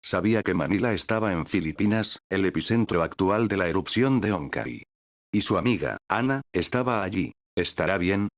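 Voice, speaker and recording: A man narrating a story in a steady, even audiobook delivery. His voice is low, and the recording is dry with no room echo. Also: normal speed.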